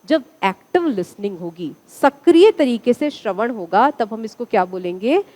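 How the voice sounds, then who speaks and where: Woman teacher, classroom lecture, higher voice, lively up-and-down pitch, quizzes the class. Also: normal speed. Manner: asks the class questions and answers them herself.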